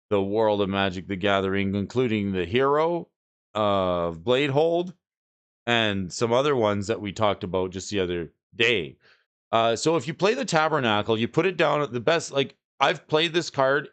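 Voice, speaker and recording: Chatty man with a smooth clear voice. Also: medium pitch. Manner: chatty and animated, lots of restarts and "like". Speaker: livestream host. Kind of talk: casual livestream chat.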